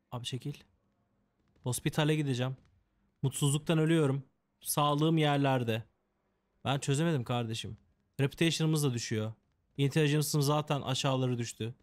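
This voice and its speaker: A man of ordinary pitch talks through a game in a loose, joking way. He chats to the characters on screen and grumbles about his bad luck with playful overstatement. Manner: mock-dramatic complaining. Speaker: gameplay commentator. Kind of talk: casual let's-play commentary.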